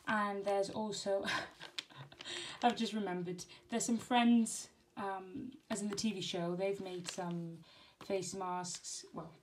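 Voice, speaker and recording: A woman's voice: medium pitch, fairly even intonation, takes it slowly, darkish tone, rough recording. Chatty woman packing a craft gift box. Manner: chatty, rambling, self-correcting. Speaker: crafting vlogger. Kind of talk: casual chat while packing a gift box. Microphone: camera on tripod. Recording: clear background noise and handling clicks.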